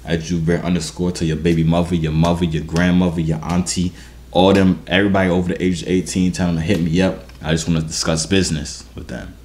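A man in his early twenties with an American accent and a deep, booming voice, chatting in a laid-back, slangy, teasing way. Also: flat delivery, quick pace, a little mellow, a little hiss or hum. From New York, United States. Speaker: vlogger hosting a random video-chat prank. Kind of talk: casual flirtatious chat. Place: garage-like home gym, indoors.

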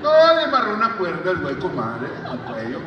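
High-voiced Mexican man telling crude jokes. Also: a little fast, lo-fi sound, noisy background. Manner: crude, deadpan punchlines with a catchphrase. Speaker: stand-up comedian. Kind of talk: stand-up joke telling on stage. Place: large auditorium. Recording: echoey hall audio from far off, loud crowd.

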